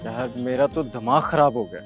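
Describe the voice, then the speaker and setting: A man's voice: medium pitch, animated, normal speed, soft background music, close to an everyday voice. An actor playing a shy young man who is desperate to get married, earnest and complaining. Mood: fretful. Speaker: lead character Shehzad.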